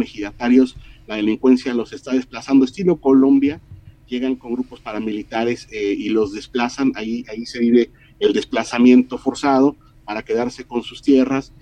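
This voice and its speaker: Man from Mexico, middle-aged, earnest political commentator, halting repeats, mellow tone. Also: mid-range voice, rough recording. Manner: earnest, repeats words while building his point. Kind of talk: radio interview commentary.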